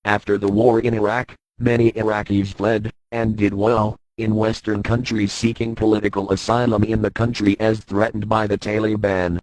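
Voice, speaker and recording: Man in a disguised deep voice. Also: level tone, moderate pace, few pauses, darkish tone, no room sound, low-quality recording. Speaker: anonymous speaker reading a message. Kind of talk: read-out political statement.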